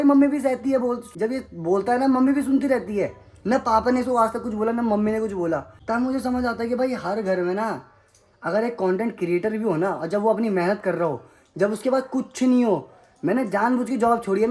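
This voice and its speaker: A young man from India venting angrily in a home vlog, with heated, accusing, repetitive outbursts at his brother. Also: high-pitched. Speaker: vlogger. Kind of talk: angry vlog rant to camera. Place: family home, indoors.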